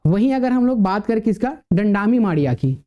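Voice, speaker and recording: A man's voice: high voice, lively intonation, a little fast, lo-fi sound. Man lecturing, quizzing and repeating. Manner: asks the class questions and answers them himself, repeats key words. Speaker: teacher. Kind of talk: classroom lecture.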